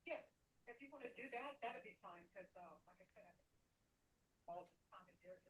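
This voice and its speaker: A woman court clerk heard over a speakerphone during a casual work call, talking in a brisk, hurried and offhand way. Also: medium pitch, animated, a bit bright, breathy edge, rough recording.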